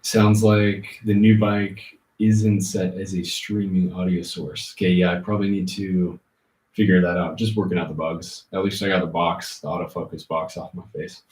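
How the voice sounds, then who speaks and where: A man hosting a casual livestream, answering chat comments informally and thinking aloud in a halting way. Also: low voice, flat delivery, a little mellow. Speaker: livestream host. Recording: roomy, muffled, distant laptop-like mic.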